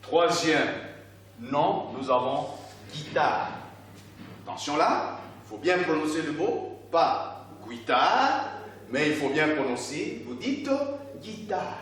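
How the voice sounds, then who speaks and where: A man teaching a primary school reading lesson, speaking slowly and deliberately, stretching out syllables and repeating words for the class. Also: fairly high pitch, expressive, fairly bright tone, a little hiss or hum. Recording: echoey room, voice from a distance.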